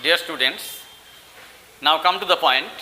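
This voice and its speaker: High bright teacher in an echoey hall. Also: male voice, expressive, a little hiss or hum. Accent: Bengali. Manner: slow, deliberate, spells out word forms one by one. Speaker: English teacher. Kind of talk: online grammar lecture. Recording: long hall reverb.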